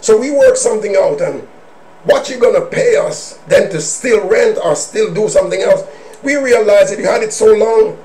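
A male minister preaching a personal testimony in a church service, with emphatic swings between hushed asides and shouted declarations. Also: sits high, moderate pace. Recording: roomy echo.

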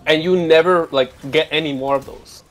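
A man's voice: on the high side, steady tone, normal speed, a little hiss or hum. A young man chatting casually with friends over a game, rambling and swearing, often tacking on "you know what I mean.". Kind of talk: casual chat.

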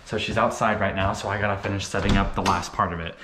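A man's voice: lowish voice, steady tone, fast talker, noisy background. A young man talking in a casual vlog, nervous and earnest. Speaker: boyfriend.

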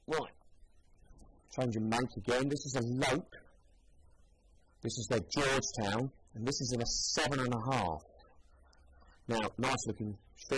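A man's voice: mid-range voice, a little hiss or hum, rough recording. A man, a shoe seller giving a casual, chatty demonstration and thinking aloud as he goes. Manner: chatty, thinking aloud while trying on shoes.

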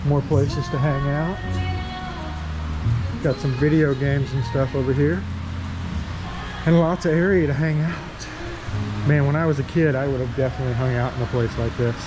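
The audio is poor, with music in the background, as a man in his fifties speaks at a medium pitch in a steady tone and normal speed, leaving long pauses. His casual vlog narration has a chatty, laid-back tour-guide feel, recorded on an action camera at arm's length in an indoor go-kart venue and a home garage.

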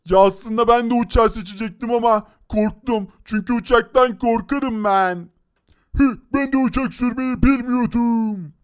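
An excitable young racer in a Minecraft cartoon, played by a man, full of gasps and cries of surprise. His voice sits high and bright for a grown man. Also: unhurried. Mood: whiny. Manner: excitable, gasps and laughs often. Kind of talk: Minecraft animation voice acting.

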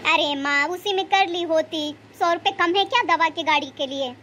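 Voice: very high voice, normal speed, bright, forceful tone, a little hiss or hum. A performer drops their voice to play a harried grown son in a cartoon family drama, caught between his wife and mother. He talks in an impatient, scolding tone. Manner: exasperated, scolding. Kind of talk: cartoon voice acting.

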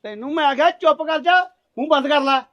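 Hot-tempered middle-aged husband played by a man, high, rapid, scolding. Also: a bit bright, no room sound, muffled recording. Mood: angry. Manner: bossy, scolding. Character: stubborn short-tempered older husband.

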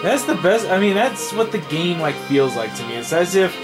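A man's voice: high-pitched, big pitch swings, normal speed, over music. A tired young man hosting a casual let's play, rambling and trailing off with fillers as he comments on the game.

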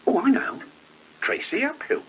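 An actor playing a cynical, slovenly middle-aged police inspector with a British accent, offhand and sardonic, in a 1970s radio drama. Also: male voice, normal speed, highs cut off, lightly acted. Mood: breezy, sardonic. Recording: slightly noisy 1970s radio recording.

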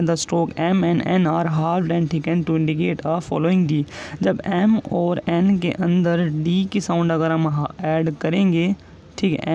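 A man teaching shorthand, explaining each rule step by step and patiently repeating every example word slowly. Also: fairly high pitch, dark tone. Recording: dull lo-fi sound with faint hiss.

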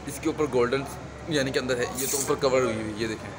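A man's voice: medium pitch, fast, over a noisy crowd, low-quality recording. A young man from Pakistan showing off a snooker club at night in a chatty, promotional way, filming on a handheld phone. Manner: chatty, promotional, pointing things out. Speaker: snooker table maker. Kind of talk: phone-filmed walkthrough vlog. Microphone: phone camera held close.

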